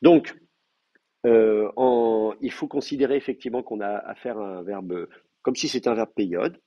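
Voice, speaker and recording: A man's voice: fairly low pitch, normal speed. A man teaching a language class, explaining step by step and thinking aloud, with frequent hesitations and fillers. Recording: muffled lo-fi class recording.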